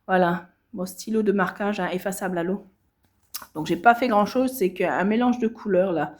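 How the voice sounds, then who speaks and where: In a casual show-and-tell, the cross-stitch vlogger tells viewers about her projects at a moderate pace and medium pitch. She hesitates and corrects herself many times along the way.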